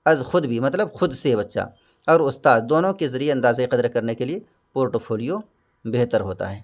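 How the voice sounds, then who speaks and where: A man teaching exam prep, going through each question patiently and glossing every term with a simpler word. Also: medium pitch. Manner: patient, repeats and glosses terms.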